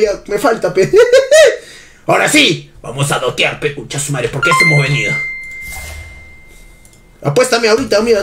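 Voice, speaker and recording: Man, Peruvian accent, streamer, high-pitched, lively swings, over-the-top and swearing. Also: background noise. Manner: dramatic, swearing, mock-pleading. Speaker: live streamer. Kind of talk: casual live game stream chat.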